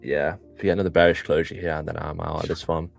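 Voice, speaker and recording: A man's voice: rumbling low, level tone, rapid-fire, creaky. A young man from the UK co-hosting a live trading stream, chatting in a laid-back way and greeting viewers. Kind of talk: casual live-stream chat. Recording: faint music behind.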